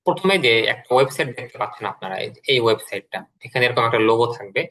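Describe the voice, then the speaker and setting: Bright-voiced male teacher drilling words. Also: medium pitch, lively intonation, very fast. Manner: explains step by step, repeats words for drills. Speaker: English teacher. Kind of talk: online class lesson.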